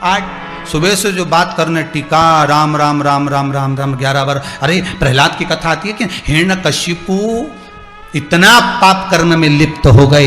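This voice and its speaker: A man's voice: on the high side, a bit bright. A man preaching a devotional sermon, telling a story with dramatic emphasis and acting out the characters' dialogue. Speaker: religious storyteller. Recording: echoey hall with faint music.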